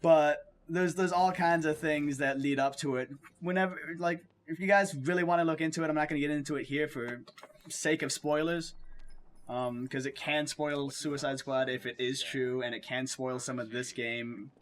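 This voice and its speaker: A man's voice: fairly high pitch, fairly even intonation, moderate pace, slight background noise. A man co-hosting a let's play, chatting casually and rambling with lots of fillers. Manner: rambling, hesitant, with many fillers. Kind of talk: casual gaming chat.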